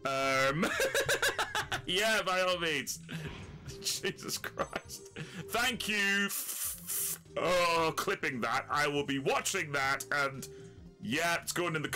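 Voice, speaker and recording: A man giving live gameplay commentary, excitable and swearing often, with loud bursts of laughter. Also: fairly high pitch, slow, faint music behind. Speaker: let's play streamer.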